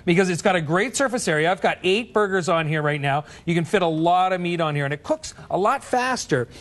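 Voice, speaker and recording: A man's voice: high voice, lively intonation, a little fast, a bit bright. A middle-aged man giving an enthusiastic, emphatic live home shopping product demonstration, repeating his selling points. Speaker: product demonstrator, guest pitchman. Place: TV studio kitchen set.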